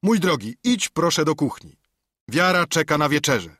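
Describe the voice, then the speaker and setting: Brief: stern sea captain, clipped and commanding, husky edge, dry sound, a male reader plays him. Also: fairly high pitch, big pitch swings, moderate pace, bright, forceful tone, no echo, voice pushed up, heavily acted.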